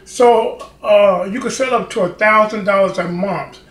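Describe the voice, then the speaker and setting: A Chicago man in his fifties hosts a laid-back home cooking channel, filming himself in his kitchen on the camera mic. His voice is high and slightly bright, his pace measured, and he chats and rambles with plenty of fillers. The kitchen sounds echoey, with a little background noise.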